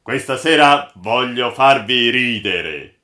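A man voicing a gruff old ship's boatswain who spins yarns, booming and mock-stern, in an audiobook. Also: expressive, takes it slowly, bright, forceful tone. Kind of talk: audiobook character voice.

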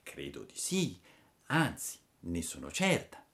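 A man reading a storybook, voicing a gentle but stern fairy mother in a soft, low, measured voice. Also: huge pitch swings, heavily acted.

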